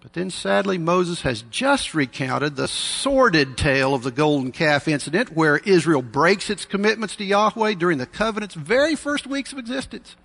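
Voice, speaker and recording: Man at a pulpit microphone, gravelly. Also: sits high, animated, fairly bright tone. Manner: measured, earnest, with dry asides. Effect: preaching into a pulpit microphone. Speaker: preacher. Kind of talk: sermon. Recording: long reverb of a large hall.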